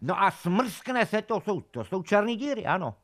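A man's voice: high voice, very animated, a bit bright. A man playing an earnest know-it-all who lectures on strange science news and stumbles over words, in a comedy sketch. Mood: insistent.

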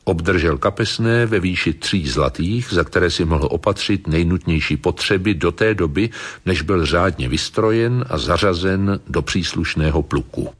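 A man narrating a historical documentary in a measured, even reading voice. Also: sits low, slightly rough.

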